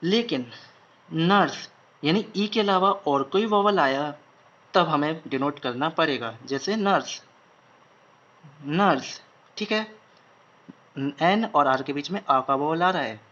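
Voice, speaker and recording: A man's voice: a little high, lively intonation, takes it slowly, long pauses, a bit bright. A man teaching a shorthand lesson, repeating each word several times as he writes it out. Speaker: shorthand instructor. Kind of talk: online lesson. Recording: dull lo-fi recording.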